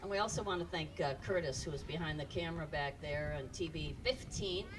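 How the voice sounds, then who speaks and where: A woman's voice: low-pitched, a little fast. A woman hosting a live children's music show, chatting and encouraging kids and parents from an outdoor stage. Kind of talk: live stage banter with a family audience. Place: outdoor evening concert stage. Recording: distant live stage sound with loud music. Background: loud live band music.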